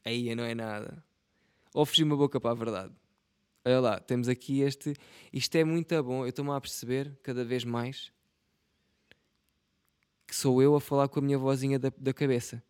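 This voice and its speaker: A man's voice: medium pitch, fairly even intonation, moderate pace, long pauses, clean tone, dry recording. Rambling young Portuguese man, dry sound. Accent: European Portuguese. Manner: rambling, self-mocking, slangy and profane. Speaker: podcast host. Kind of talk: casual solo podcast monologue.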